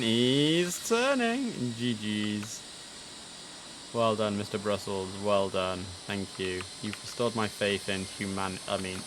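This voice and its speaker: A man with a lowish voice hosts a laid-back live game stream, chatting and thinking out loud as he commentates on an air traffic control simulator. There's noise in the background.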